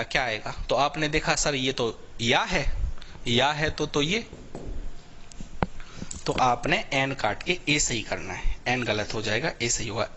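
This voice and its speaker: A male teacher runs a live online class. His voice is bright and slightly high, he stretches out words as he spells them, and he keeps checking in with his students. Faint noise and clicks sit behind him. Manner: repetitive, checks in often with "theek hai bhai". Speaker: English teacher for exam preparation.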